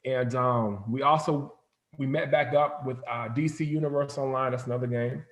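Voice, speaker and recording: A man who founded a comics company appears as an interview guest in a casual chat, telling rambling stories informally and saying "like" a lot. His voice is medium-pitched and steady, at a moderate pace, in an echoey room.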